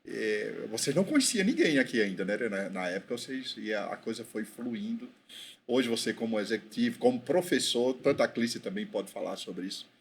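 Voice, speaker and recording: A man's voice: mid-range voice, lively intonation, fairly quick, slight background noise. A man hosting a podcast interview, asking questions with friendly fillers. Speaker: podcast host.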